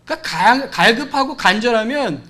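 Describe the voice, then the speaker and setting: A man's voice: very high voice, lively intonation, normal speed, sharp tone. A man preaching a sermon in church, talking to the congregation in a conversational way and acting out the cries and dialogue of the people in his story. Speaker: pastor. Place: church sanctuary.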